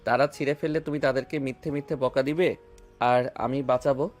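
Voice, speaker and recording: A man plays an affectionate, playful young husband in a romantic audio drama, speaking tenderly and teasingly over soft music. His medium-pitched voice is close to his everyday voice, with fairly even intonation and a slightly fast pace.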